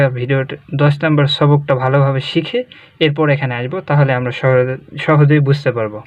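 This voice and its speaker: A man teaching Quran reading, spelling out letters and repeating each sound slowly in drills. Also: fairly high pitch, no echo. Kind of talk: slow step-by-step recitation lesson. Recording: dull, dry lo-fi recording.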